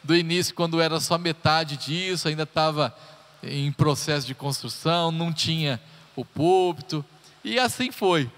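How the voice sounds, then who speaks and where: Speaking at a moderate pace, this Brazilian man in his thirties has a slightly high, somewhat bright voice. As pastor, he gives his congregation a joking, talkative sermon introduction full of personal anecdotes, captured with the live reverb of a church hall.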